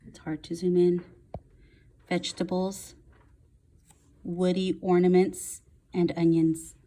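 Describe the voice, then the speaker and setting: Warm and level, her fairly low voice moves at a slow pace. She reads aloud to young first graders, explaining in simple terms and stressing key words.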